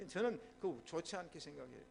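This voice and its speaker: A man's voice: on the high side, lively intonation, fast, creaky, a little mellow, faint music behind. A man with a Jeolla accent preaching a sermon as pastor, telling stories and prompting replies from the congregation. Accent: Jeolla Korean. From Jeolla, South Korea. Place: church sanctuary.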